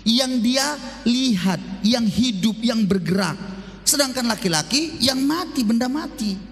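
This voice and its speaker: High, lively pastor preaching in a reverberant hall. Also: male voice, a little slow. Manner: lively, joking, acts out spouses' voices. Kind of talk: sermon. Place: church.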